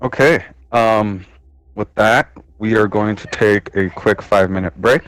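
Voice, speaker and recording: A man running a tabletop game as game master, narrating in a relaxed, unhurried way. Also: fairly low pitch, dry recording, rough recording.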